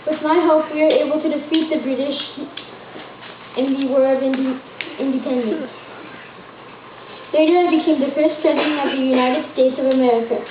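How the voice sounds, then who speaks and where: Girl as a serious general, high voice, echoey room, dull sound. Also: noisy background, lightly acted. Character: commanding general, later first president, dutiful. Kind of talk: school history skit.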